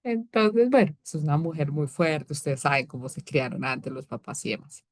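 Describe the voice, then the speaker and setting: Female guest, 30s, slightly low, animated storyteller acting out dialogue, dry studio sound. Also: normal speed, no room sound. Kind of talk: personal testimony in casual conversation.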